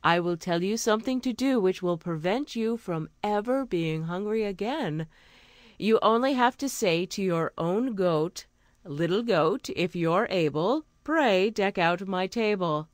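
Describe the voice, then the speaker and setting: A woman voicing a kindly wise old woman in a storybook, speaking calmly and reassuringly. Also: medium pitch, measured pace, dry recording, studio quality, lightly acted.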